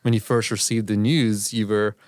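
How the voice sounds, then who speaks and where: Low-voiced man hosting an interview. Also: flat delivery, no room sound, clean studio sound. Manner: halting, repeats words, supportive prompts. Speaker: podcast co-host.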